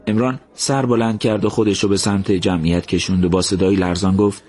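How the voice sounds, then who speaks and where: A man narrating a story in a calm, measured, gentle way. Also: deep voice, slightly rough.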